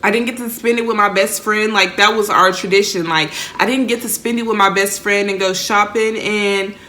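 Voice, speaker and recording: A woman's voice: mid-range voice, steady tone, normal speed, bright, forceful tone. A young woman from Texas, talking candidly and rambling to her viewers in a heartfelt personal rant. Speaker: vlogger. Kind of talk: emotional personal rant to camera.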